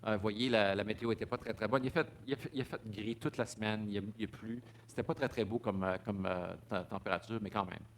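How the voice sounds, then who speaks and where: A man's voice: fairly low pitch, fairly even intonation, fast, few pauses, slight background noise. A man giving a public talk, stumbling over repeated words and fillers. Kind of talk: public lecture with slides.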